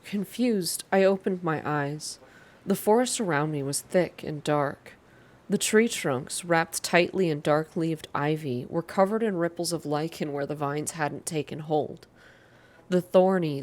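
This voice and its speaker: Low-pitched and a bit mellow, this woman speaks unhurriedly as host of a reading channel. She reads video game material in an ASMR manner and chats informally with her viewers about updates.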